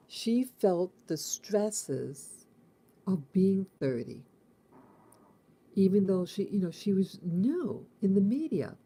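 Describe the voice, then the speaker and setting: A woman in her late fifties from the United States hosts a casual spoken morning reflection, her tone deeply mellow and dark. She muses haltingly, restarting phrases, repeating herself and circling back on her words.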